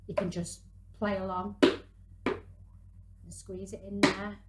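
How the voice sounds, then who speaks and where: A woman in her thirties speaks slowly in a level, medium-pitched voice while demonstrating a hands-on craft for parents and young kids, chatting instructively as she works. The recording is very noisy.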